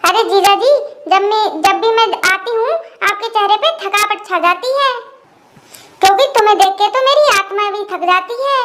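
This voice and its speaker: A very high, bright voice playing a cheeky young cartoon sister-in-law who mocks her brother-in-law. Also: normal speed, slight background noise. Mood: teasing. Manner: teasing, mocking.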